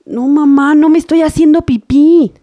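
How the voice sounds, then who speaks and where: A woman's voice: high voice, a little slow, a little mellow, dry recording. A woman playing a nervous, fidgety young daughter, whining and pleading in a comedy sketch. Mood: whiny.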